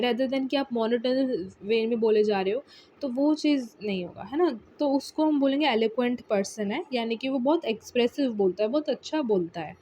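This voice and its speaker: A woman's voice: fairly high pitch, warm tone, a little hiss or hum. Woman teaching vocabulary with patient repetition. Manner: explains patiently, repeats key words, many fillers. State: tired. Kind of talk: casual Hinglish vocabulary lesson.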